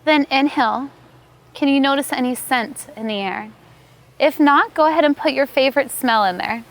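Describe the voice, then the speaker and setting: A high-voiced woman, a yoga teacher, guides a meditation with calm, soothing instructions delivered at an unhurried pace.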